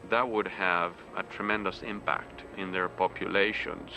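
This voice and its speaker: Deep, bright-voiced man explaining in documentary interview. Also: steady tone, a little slow, faint music behind. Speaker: expert interviewee.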